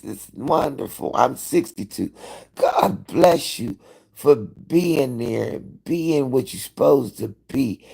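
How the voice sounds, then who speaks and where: Fifties guy chatting live from home, gravelly and husky, cussing and gossiping, slow and lively. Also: medium pitch, rough recording. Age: 50s. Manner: animated, profane gossiping with viewers. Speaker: livestream host. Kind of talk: casual live-stream chat.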